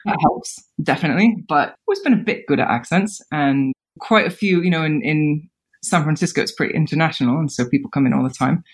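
On a rough recording, a low-pitched woman in her thirties speaks quickly with a breathy edge. As a podcast guest, she relaxes into personal anecdotes for a casual storytelling interview, laughing often and using plenty of fillers.

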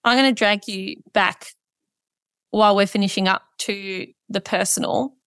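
A woman's voice: medium pitch, steady tone, moderate pace, fairly bright tone, clean tone. A woman, presenting as a podcast host in a polished, conversational style.

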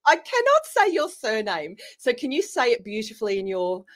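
A woman hosting a casual live online interview, chatty and quick to laugh. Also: on the high side, wildly swooping pitch. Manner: chatty, warm-hearted asides, laughs often. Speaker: interview host. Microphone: webcam on a video call.

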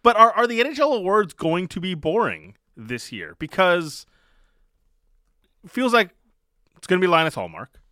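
A man hosting a sports talk radio show, chatting and presenting in an animated way. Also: high-pitched, normal speed, long pauses, no room sound, studio quality.

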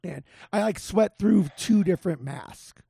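A man hosting a casual podcast with a gravelly, hoarse, raspy voice and a halting, sweary way of talking. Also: sits high, animated, warm tone, no echo, studio quality. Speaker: podcast host.

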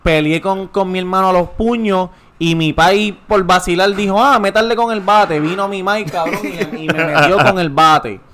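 Young man, higher voice, emphatic swearing podcast rant. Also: normal speed, few pauses. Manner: animated, emphatic, swears a lot. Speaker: podcast co-host. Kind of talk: casual chat.

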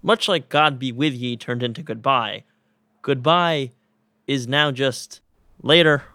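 A man's voice: mid-range voice, slow pace, bright, forceful tone, dry recording. A man hosting a podcast, speaking in a dry, wry scripted way. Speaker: podcast host.

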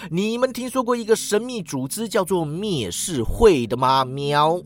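A man's voice: sits high, animated, a little slow, slight background noise. A man reading a story, voicing a smug, lazy male talking orange cat that ends its lines with a meow.

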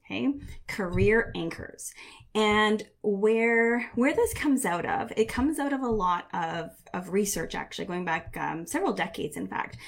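A woman's voice: mid-range voice, expressive, unhurried, gravelly. Chatty woman coach speaking live online. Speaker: career and leadership coach, summit host. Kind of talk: live online training, casual chat.

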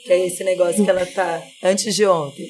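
A woman's voice: lowish voice, fairly quick, a little hiss or hum. Laughing woman telling a story. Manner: animated storytelling, laughs often. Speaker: podcast guest, single mother. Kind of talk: casual chat.

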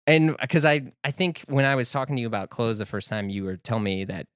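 A man's voice: mid-range voice, expressive, quick pace, a bit bright, dry recording, studio quality. A man hosting a casual interview, friendly and affirming, laughing along with his guest. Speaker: podcast host.

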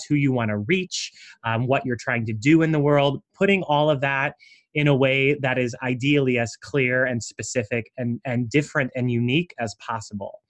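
As a guest in a conversational interview, a man animatedly explains his branding method. He speaks at an ordinary middle pitch for a man and sprinkles in frequent casual asides.

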